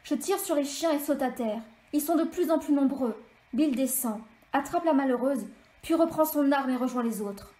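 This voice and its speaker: A woman author reading an extract of her novel aloud in steady, measured storytelling. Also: high voice. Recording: echoey room.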